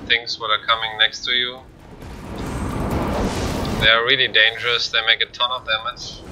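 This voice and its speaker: This speedrunner, speaking English with a non-native accent, explains his run live as he plays, in a plain, explanatory manner. His medium-pitched voice stays level at normal speed over a noisy background.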